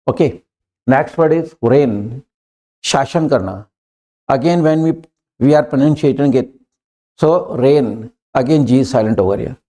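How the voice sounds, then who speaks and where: A man teaching English pronunciation in a patient lesson, repeating key points and checking in with "clear?" and "right?". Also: mid-range voice, darkish tone. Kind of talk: explanatory lesson mixing Hindi and English.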